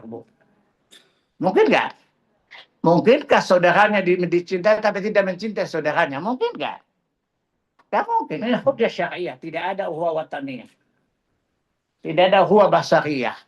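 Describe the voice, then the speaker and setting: A middle-aged man leads a religious study class with a fairly high-pitched voice. He preaches in a fiery, combative way, mocking opponents and hammering his listeners with rhetorical questions. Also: a bit bright.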